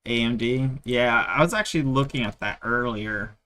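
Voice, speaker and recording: A man's voice: medium pitch, normal speed, bright, forceful tone. A man from Texas hosting a live stream, chatting casually and rambling between anecdotes and side comments. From Texas, USA. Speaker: livestream host.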